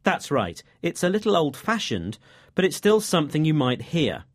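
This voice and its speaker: A man hosts a scripted English lesson, mock-stern as he patiently explains phrases. His pitch moves in a lively way, and the studio sound is dry and close. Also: normal speed, dry recording. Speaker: host. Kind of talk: scripted language-lesson banter.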